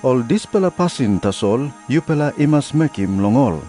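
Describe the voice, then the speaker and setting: A man with a Papua New Guinean accent reading scripture aloud in a measured storytelling manner. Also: medium pitch, lively intonation, mellow, faint music behind. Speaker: Bible reader.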